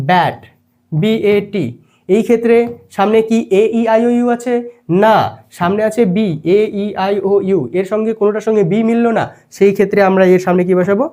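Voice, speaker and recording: Teacher going through grammar bit by bit, keeps asking the class if they follow, mid-pitched voice. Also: dark tone. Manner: explains step by step, checks in often with questions. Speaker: English teacher.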